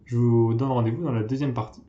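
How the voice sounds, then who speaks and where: A man's voice: mid-range voice, steady tone, quick pace, warm tone, dull audio. Patient male piano teacher in a roomy space. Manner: patient, methodical explaining, counting notes aloud. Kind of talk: step-by-step piano tutorial. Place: room with a piano. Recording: roomy echo.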